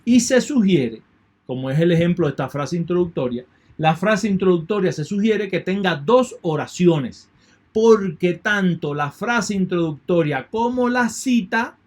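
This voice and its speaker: Man, lecturer, methodical, repeats himself, fairly high pitch. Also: expressive, unhurried. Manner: methodical, repeats key points, thanks students. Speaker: university lecturer. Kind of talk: online lecture.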